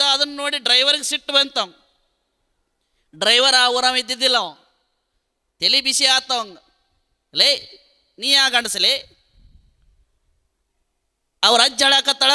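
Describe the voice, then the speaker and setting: A man delivers a humorous sermon, spinning stories in an animated way. His voice sits very high, bright and smooth. Long reverb from a hall hangs behind him. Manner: storytelling with lively, animated delivery. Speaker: preacher. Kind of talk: humorous religious discourse.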